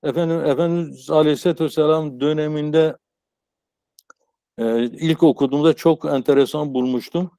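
A man in his sixties giving an informal academic lecture as a professor, explaining haltingly on a video call. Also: fairly high pitch, steady tone, gravelly, mellow, clear, resonant tone, dry recording, clean studio sound. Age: 60s. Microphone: earphone headset on a video call.

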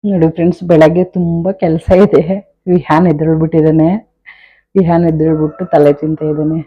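A woman's voice: deep voice, flat delivery, a little fast, dark tone, husky, muffled recording. A young woman, chatting casually to her viewers while doing chores and cooking in her home kitchen. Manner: chatty, talks straight to viewers. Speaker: vlogger. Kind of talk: casual home vlog narration.

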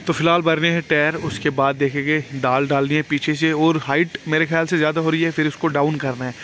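A man's voice: on the high side, noisy background. A young man in his twenties, a truck driver vlogging casually and chatting as he explains his work, filmed on a handheld phone outdoors in a loading yard. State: tired. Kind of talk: casual vlog commentary. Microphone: phone camera held by hand.

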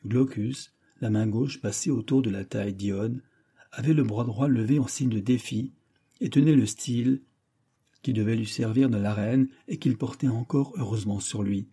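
A male audiobook narrator reads a classic novel in a measured, dramatic way. His voice is very dark and mellow, with a husky edge. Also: mid-range voice. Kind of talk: scripted narration.

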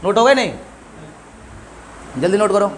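High-voiced man teaching a classroom lesson. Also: animated, normal speed, a bit bright, slight background noise. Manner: asks questions and answers them himself, drilling syllables.

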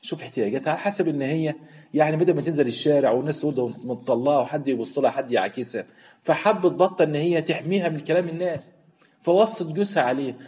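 An Egyptian man telling a story as a show host, firing off quick, indignant rhetorical questions. His voice is dark and mellow, and he talks at a brisk clip. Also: mid-range voice. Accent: Egyptian Arabic. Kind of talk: storytelling commentary.

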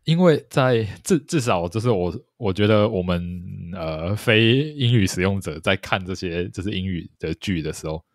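A man's voice: low-pitched, lively intonation, normal speed, few pauses, no echo, studio quality. A man co-hosting a podcast, chatting casually and thoughtfully, often hedging and correcting himself. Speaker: podcast co-host. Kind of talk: casual chat about a TV series.

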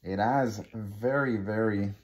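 The audio is poor as a low-voiced man speaks slowly with a Québécois French accent; he's a native French speaker from Quebec. Filming on a phone over his living-room table, this hobby vlogger casually walks through an unboxing, with plenty of fillers and restarts.

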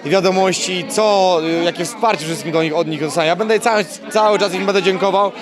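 A man's voice: high-pitched, brisk. A young man, a fighter being interviewed after a weigh-in, talking bluntly with swearing and repeating himself. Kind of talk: casual post-weigh-in interview. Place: busy event press wall, indoors. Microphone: handheld mic held by interviewer. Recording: loud crowd chatter behind.

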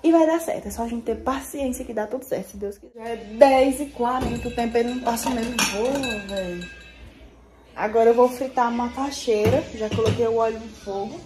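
A woman's voice: fairly high pitch, a little fast, music in the background. Chatty young woman cooking at home. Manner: chatty, addresses viewers as "gente". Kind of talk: casual cooking vlog. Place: home kitchen, indoors. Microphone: phone held at arm's length.

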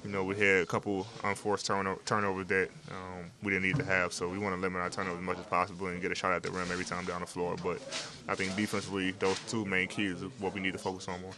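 A young man speaks in a deep voice that hardly rises or falls, answering questions after a game. He talks in a laid-back way, with many fillers and restarts. He is recorded in a locker room with several handheld reporter mics held up to him. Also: completely flat delivery, fast, hardly any pauses, a crowd in the background. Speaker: basketball player at postgame interview. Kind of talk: postgame press interview.

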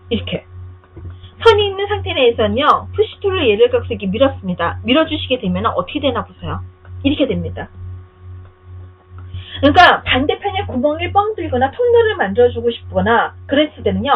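A woman narrates a software tutorial in a husky, slightly high voice that rises and falls a lot. She explains each step and keeps checking in with rhetorical questions. The recording sounds thin and tinny. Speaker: software instructor.

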